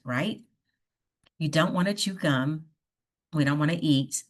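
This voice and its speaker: A woman with a low voice runs a workshop over a video call. She coaches her listeners step by step and keeps checking in with "right?". The sound comes through a plain computer mic. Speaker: workshop presenter. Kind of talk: online workshop presentation.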